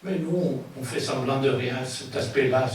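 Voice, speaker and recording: An older man, a non-native French speaker with a foreign accent, giving a public lecture in a halting way, searching for his words. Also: mid-range voice. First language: not French. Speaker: guest speaker, book author. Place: large echoing room at a public conference. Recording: very echoey hall, distant mic, faint noise.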